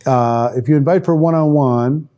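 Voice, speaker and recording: Speaking at a normal pace, a sales trainer hosts a casual live class online, reading viewer comments and responding while thinking out loud. His voice sits a little high and sounds warm, though the audio is dull.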